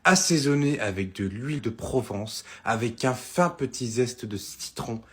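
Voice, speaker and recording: A man doing a boastful, husky sitcom dad. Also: medium pitch, expressive, unhurried, a bit bright. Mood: proud. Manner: pompous, showy presenting. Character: boastful dad who cooks a fancy meal. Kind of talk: comedy sketch.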